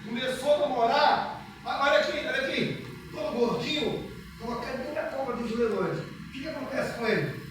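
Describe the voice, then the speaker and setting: A man with a Brazilian Portuguese accent preaching a sermon, moving between loud, drawn-out scripture reading and soft, close talk to listeners, leading the congregation in call-and-repeat prayer. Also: very high-pitched. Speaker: pastor. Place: church hall. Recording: echoey hall, distant mic, background noise.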